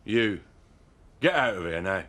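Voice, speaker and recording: A man's voice: lively intonation, unhurried, over music. An actor playing a menacing, possessive man in a television soap drama, threatening and contemptuous. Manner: threatening, contemptuous, growling low at times. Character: menacing, possessive man defending his farmhouse.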